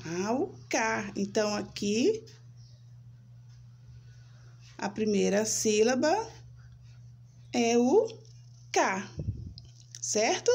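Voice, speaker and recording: A Brazilian woman teaching young children, speaking slowly and sounding out syllables, checking in with "né?" and "certo?". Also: on the high side, sing-song, creaky, darkish tone, breathy edge. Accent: Brazilian Portuguese. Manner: slow, spelling out syllables, frequent "né?" and "certo?". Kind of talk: children's lesson, slow and sing-song.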